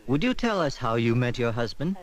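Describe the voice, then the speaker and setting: Male interviewer with very animated pitch. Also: a little fast, noisy background. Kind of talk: conversational interviewing.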